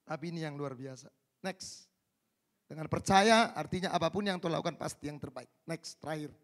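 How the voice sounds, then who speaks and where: A male pastor delivers a sermon with a fairly high voice. He talks straight to the congregation, dropping to near-whispers before rising to loud, shouted peaks. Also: a little fast. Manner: swings from quiet asides to shouted climaxes; addresses the congregation directly. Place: church service.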